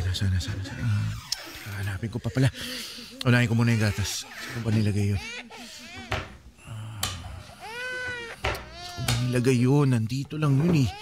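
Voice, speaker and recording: An actor playing a young husband and father in a radio drama, pleading with his wife and soothing his baby, then shouting in panic. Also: medium pitch, lightly acted. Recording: radio drama with loud music underscore.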